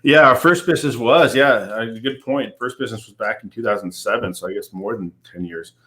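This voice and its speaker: Here the CEO's voice sounds pushed and bright, sitting on the low side and moving a little fast. As an interview guest in a relaxed business conversation, he gives long explanations peppered with "um" and "you know."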